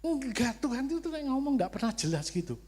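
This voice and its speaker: A man with a Javanese accent preaching a sermon, telling stories in a lively way and acting out God's short replies. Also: very high-pitched, brisk, husky. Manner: lively storytelling, playacting God's curt replies. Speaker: pastor. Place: church hall. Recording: long church hall reverb.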